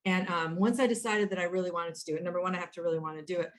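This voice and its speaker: Guest, woman, 50s, rapid and animated storyteller on a video call, self-quoting. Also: fairly low pitch. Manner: animated, quotes herself, frequent restarts. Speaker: guest, author and entrepreneur. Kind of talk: conversational storytelling.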